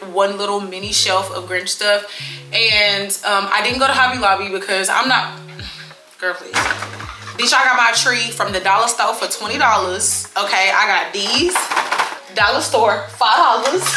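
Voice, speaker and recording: A woman in her thirties chatting casually at home in a vlog, candid and slangy, swearing freely. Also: medium pitch. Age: 30s. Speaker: vlogger mom. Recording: echoey room with background music. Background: music.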